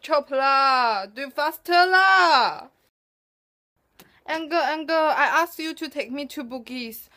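A woman's voice: high-pitched, pushed and bright, pitched above the performer's own voice. A woman acting out pushy, exasperated Singaporean locals in comic skits, speaking exclamatory Singlish with a Singaporean accent. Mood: annoyed complaining. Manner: Singlish, exclamatory with lah and leh particles. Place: cluttered room indoors.

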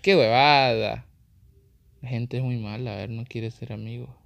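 A man's voice: mid-range voice, flat delivery, fairly quick, creaky, mellow. A man giving casual gameplay commentary as a gaming YouTuber, taunting opponents and repeating his phrases.

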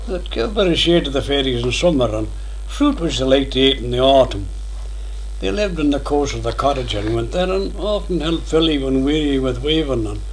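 Older Manx man reciting, noisy recording. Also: medium pitch. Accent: Isle of Man (Manx). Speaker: storyteller reciting dialect verse. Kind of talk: lilting poetry recitation.

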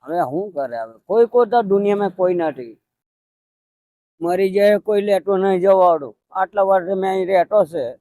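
Elderly man from Gujarat, high thin voice, dry close sound; halting and plaintive, repeats himself. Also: warm tone, no echo. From Pavagadh, Gujarat. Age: older. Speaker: interviewee. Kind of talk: emotional conversational interview. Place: outdoors by a roadside hut.

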